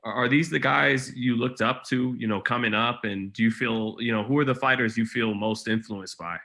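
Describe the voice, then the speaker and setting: A man's voice: mid-range voice, steady tone, normal speed, vocal fry, pushed and bright. A man working as a reporter, asking a boxer questions on a video press call in a loose, conversational way.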